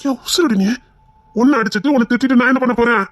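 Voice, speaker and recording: A woman voicing a remorseful, tender young husband with a Tirunelveli Tamil accent, in a web-series drama. She pleads and repeats apologies quickly. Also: fairly high pitch, no room sound, natural voice. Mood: firm tender.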